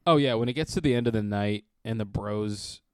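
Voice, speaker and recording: Drunk young man, smooth mid voice. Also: lowish voice, a little fast, darkish tone, no echo, studio quality. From Canada. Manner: rambling, profane, acts out other people's lines. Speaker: podcast co-host. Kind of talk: casual chat.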